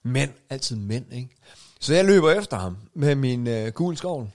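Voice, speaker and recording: A man's voice: mid-range voice, big pitch swings, a little mellow. Guy rambling thru a story on a podcast, lots of uh and restarts, casual chat. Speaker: podcast co-host.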